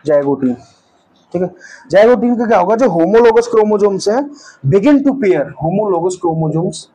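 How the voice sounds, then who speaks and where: A man's voice: high voice, mellow, slightly rough, rough recording. A man teaching a lesson in casual lecture style, repeating key terms back as quiz questions and correcting his own slips along the way. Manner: slow drawn-out terms, sudden speedups.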